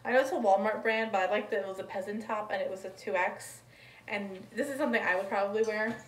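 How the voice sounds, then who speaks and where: A woman's voice: mid-range voice, fast, a little hiss or hum. Chatty woman, roomy distant recording. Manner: chatty, rambling item-by-item descriptions. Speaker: thrift reseller vlogger. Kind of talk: casual haul vlog. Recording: roomy, distant mic, faint ambience.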